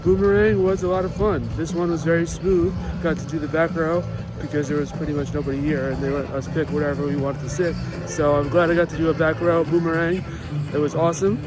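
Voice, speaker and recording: A man's voice: a little high, fairly even intonation, a little fast, loud music behind the voice, poor audio. A man giving casual, matter-of-fact roller coaster reviews as a vlogger outdoors at an amusement park. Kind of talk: casual vlog review to camera.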